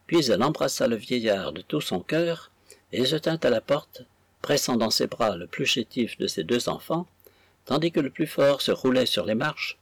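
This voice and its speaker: A man narrating a classic novel as an audiobook, in a measured storytelling manner. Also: medium pitch, husky, dry recording.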